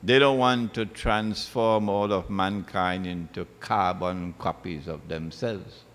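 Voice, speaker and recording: A man's voice: deep voice, steady tone, takes it slowly, fairly bright tone. Emphatic man lecturing in a hall. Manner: emphatic, repeats phrases, recites Arabic verses. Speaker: Islamic lecturer. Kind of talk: religious lecture. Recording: long hall reverb.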